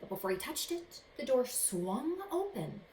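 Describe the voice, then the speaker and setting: A woman with a fairly high pitch, a darkish tone and a very animated delivery reads a picture book aloud to children as their teacher. She makes it dramatic and pauses to question her young audience. Faint background noise and a roomy echo are present.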